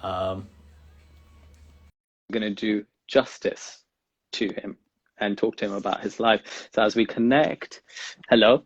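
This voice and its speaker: A man's voice: on the low side, fairly even intonation, measured pace, long pauses, dull audio. A man hosting a casual live-stream interview, chatty and effusive, repeating his welcomes. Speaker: host.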